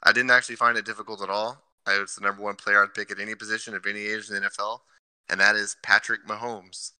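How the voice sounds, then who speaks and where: A man's voice: lowish voice, flat delivery, quick pace, pushed and bright, clear, resonant tone, no echo, poor audio. A man co-hosting a casual sports podcast, laying out his picks with stats and reasons. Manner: analytical, cites stats. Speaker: podcast co-host.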